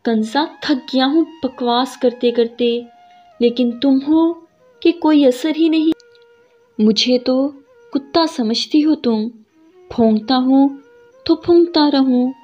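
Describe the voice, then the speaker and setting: A woman voicing a quick-tempered young husband who scolds his wife loudly and sarcastically. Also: on the high side, fairly even intonation, close to an everyday voice. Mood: angry scolding. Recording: muffled audio with soft background music.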